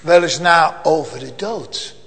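A man preaching in a church, his voice high and his delivery slow and solemn. Now and then he swells into loud, emotional cries. Long reverb trails each phrase. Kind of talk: sermon.

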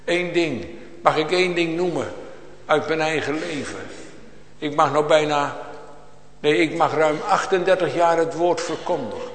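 Pastor, man, slightly high voice, slow dramatic sermon delivery, recorded in a reverberant church hall. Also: slight background noise. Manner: preaching with big swings of pitch and loudness.

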